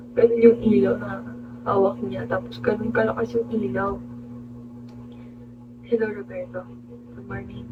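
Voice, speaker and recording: A woman hosting a casual livestream, telling a story with animation and greeting viewers as she goes. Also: medium pitch. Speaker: livestream host. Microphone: phone. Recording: tinny phone-like audio with hum.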